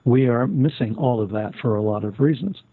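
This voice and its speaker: A man's voice: mid-range voice, fairly quick, no room sound. An older man talking as a guest, telling stories at length with many fillers and restarts. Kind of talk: casual interview talk. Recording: tinny phone-line sound.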